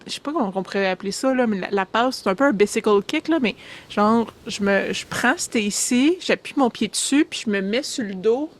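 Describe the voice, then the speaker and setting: A woman's voice: on the high side, brisk. A woman with a Quebec French accent playing a tabletop game, playful and laughing, with slangy talk. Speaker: player. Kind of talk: casual tabletop role-play.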